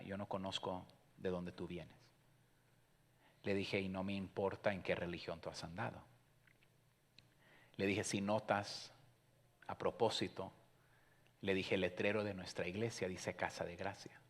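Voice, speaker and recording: A man preaching a sermon as pastor, moving between hushed storytelling and loud, emphatic exhortation, with English fillers dropped in. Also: low-pitched, flat delivery, a little slow, long pauses. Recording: long hall reverb.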